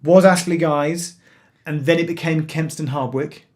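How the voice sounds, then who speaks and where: A man's voice: fairly high pitch, fairly even intonation, a little slow, a little mellow. A man with a London accent hosting a casual livestream, rambling and laughing often. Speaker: railway YouTuber host.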